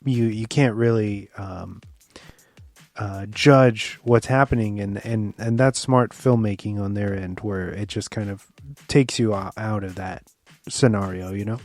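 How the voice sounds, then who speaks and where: A man's voice: fairly low pitch, fairly even intonation, measured pace, darkish tone, dry recording, soft background music. A man co-hosting a casual film podcast, drifting through stories with likes, ums and the odd curse. His delivery is loose and laughing, and the sound is close and dry. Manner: loose, filler-heavy storytelling with swearing and laughs. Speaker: podcast co-host. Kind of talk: casual film review chat.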